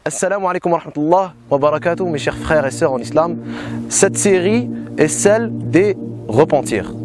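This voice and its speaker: Guy interviewing someone, slightly high voice, formal but kinda fumbling, music behind. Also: expressive, moderate pace. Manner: formal, groping for words mid-question.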